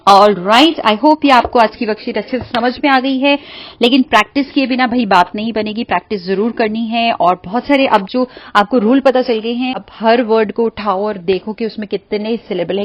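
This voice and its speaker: A woman's voice: mid-range voice, no room sound, muffled recording. A woman teaching an English lesson to schoolchildren in a patient, step-by-step way, asking questions and answering them herself. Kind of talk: classroom lesson explaining grammar.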